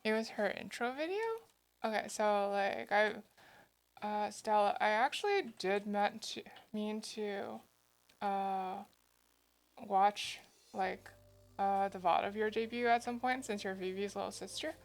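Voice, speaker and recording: A woman's voice: medium pitch, unhurried. A woman chatting casually on a livestream in a cute, flustered anime-streamer manner, thinking aloud and muttering to herself as she goes. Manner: scattered, self-interrupting, mutters to herself. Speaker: livestreamer drawing fan art. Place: indoor streaming setup.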